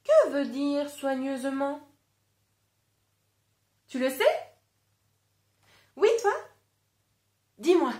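A woman reading a picture book aloud to a young child, patiently pausing to ask questions. Her voice is high and very animated, and she takes her time. A roomy echo surrounds her. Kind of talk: interactive read-aloud.

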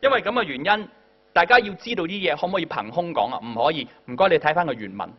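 Male tutor, Hong Kong Cantonese accent, fairly high voice, prompts the class as he lectures, dull lo-fi recording. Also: expressive, quick pace, breathy edge. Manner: addresses the class directly with frequent "嗱" and "嚇" prompts. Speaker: workshop tutor.

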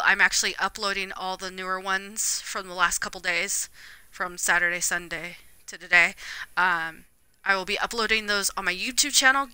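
A woman's voice: mid-range voice, pushed and bright, smooth, no echo, low-quality recording. A laid-back young woman streaming games live, chatting casually and rambling with lots of fillers. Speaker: gaming streamer.

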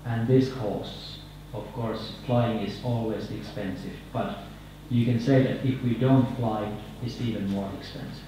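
A man in his thirties with a Finnish accent giving a conference presentation at a podium microphone, halting and repeating words, his phrases trailing off. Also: medium pitch, fairly even intonation, background noise. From Finland. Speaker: conference speaker. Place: conference hall, indoors. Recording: echoey hall, picked up from far off.

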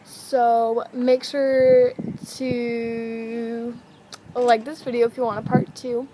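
Giggly teenage girl with stifled giggles, unhurried. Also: fairly high pitch, little pitch movement, dark tone. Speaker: video host. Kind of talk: casual challenge vlog chat. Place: outdoors on a house patio. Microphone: camera mic at table distance. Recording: noisy outdoor camera recording.

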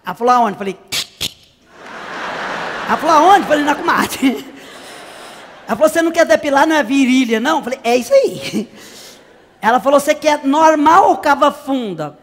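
A man's voice: very high voice, lively intonation, normal speed, long pauses, in a large hall, a little hiss or hum. A man playing a brash, naive country woman from the interior, telling a comic story in character. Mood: gossipy. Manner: chatty, exaggerated, squealing cries. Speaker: comedian.

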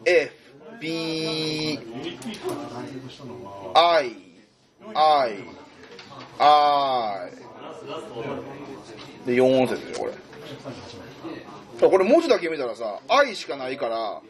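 A man's voice: on the high side, huge pitch swings, brisk, long pauses. A man tutoring in a casual, chatty way, thinking aloud as he explains. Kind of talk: casual whiteboard lesson.

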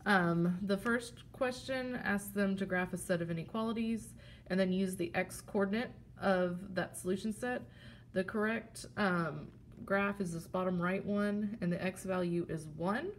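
A woman teacher, speaking at a measured pace in a mid-range voice, goes step by step through a classroom game in plain terms while showing its props. The recording carries a little hiss or hum.

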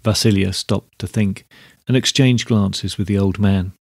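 A man narrating a classic short story in a measured, steady storybook reading. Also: fairly low pitch, gravelly, dry recording, clean studio sound. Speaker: podcast host reading a story.

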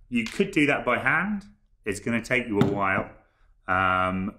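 Chef explaining a recipe in an echoey hall. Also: male voice, on the low side, background noise. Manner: relaxed, explanatory, many ums. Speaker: head chef. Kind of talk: cooking demonstration. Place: large wood-panelled college hall, indoors.

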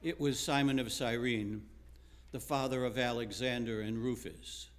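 A man reading scripture aloud during a church worship service, slow and measured, pausing between phrases. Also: medium pitch, fairly even intonation. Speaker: scripture reader. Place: church sanctuary.

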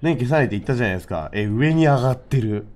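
A man's voice: medium pitch, very fast. A man streaming a horror game, keeping up casual, unafraid, joking commentary and teasing the characters on screen. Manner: lively, dry running remarks to himself. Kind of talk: casual let's-play commentary.

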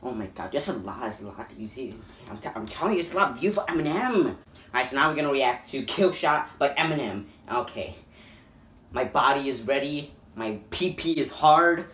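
A man hosting a reaction video, excitable and swearing constantly, breaking into loud yelps of disbelief. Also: medium pitch, fairly quick, a little hiss or hum. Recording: echoey room.

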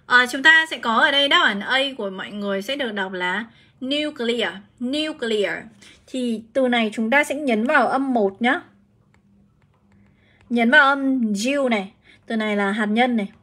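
A woman's voice: on the high side, normal speed, pushed and bright. A woman English teacher from Vietnam, giving a chatty live-streamed exam prep lesson and explaining each answer step by step.

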